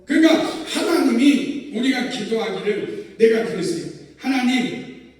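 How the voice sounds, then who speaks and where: A man pastor preaching at a revival meeting, telling stories in an animated way with frequent chuckles. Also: very high-pitched, measured pace. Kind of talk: revival sermon. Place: large church sanctuary. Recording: echoey hall, voice from far off.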